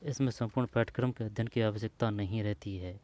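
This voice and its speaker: A man with a low, mellow voice goes through old test papers question by question. He reads out each option, then repeats the choices over and over as he works toward the answer. He talks to the listener in a casual, friendly way. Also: fairly even intonation, quick pace. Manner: informal, addresses listener as यार and भाई, repeats options while checking answers. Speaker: exam prep teacher. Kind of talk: solving old exam questions aloud.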